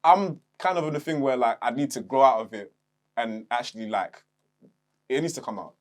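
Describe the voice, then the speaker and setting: Animated young man chatting. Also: medium pitch, fairly quick. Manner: animated, swears and laughs, acts out his own inner voice. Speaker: podcast co-host. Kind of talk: casual chat.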